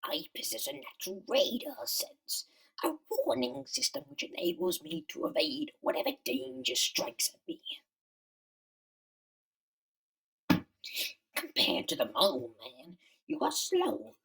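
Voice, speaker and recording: A man voicing a bitter, megalomaniac underground comic-book villain in a slow, theatrical, menacing monologue with a whispery rasp. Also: very high voice, very animated, pushed and bright, recorded from a distance, pitched above the performer's own voice, heavily acted, rough recording. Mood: gloating. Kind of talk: dramatic comic-book reading.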